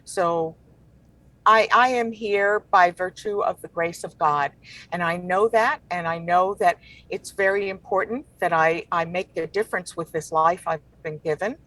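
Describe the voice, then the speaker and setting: A woman's voice: fairly low pitch, a little slow, fairly bright tone, dry recording, rough recording. Earnest Cuban-born woman candidate. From Cuba. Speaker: political candidate guest. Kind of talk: interview answers.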